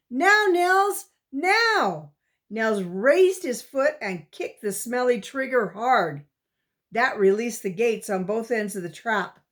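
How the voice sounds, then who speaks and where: A woman reading a chapter book aloud as storyteller, in a slow and steady way. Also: fairly high pitch.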